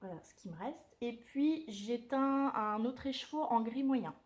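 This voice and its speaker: A woman's voice: a little high, animated, a little slow. Chatty woman knitting podcaster. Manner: chatty, with many hesitations and self-corrections. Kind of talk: casual knitting video podcast.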